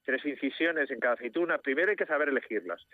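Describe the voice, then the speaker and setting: Chatty radio gardener. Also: male voice, medium pitch, expressive, fast talker, dry recording, phone-quality sound. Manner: chatty, explains at length. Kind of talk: casual radio chat.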